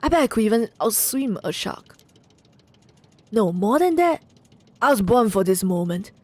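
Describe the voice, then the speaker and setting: A woman doing a gruff young island diver. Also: medium pitch, sing-song, normal speed, no room sound. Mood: eager. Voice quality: gruff old-man voice.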